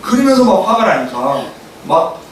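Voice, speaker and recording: A middle-aged man preaching a sermon as a seminary professor, telling anecdotes and acting out quarrels with sudden shouted lines. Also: high voice, moderate pace. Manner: animated storytelling, acts out quarrels with sudden shouts. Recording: echoey hall, far from the mic, faint noise.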